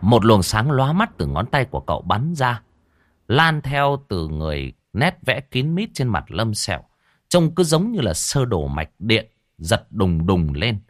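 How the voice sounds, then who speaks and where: Lively low male storyteller. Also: a little slow, no echo, studio quality. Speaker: narrator. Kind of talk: audiobook narration.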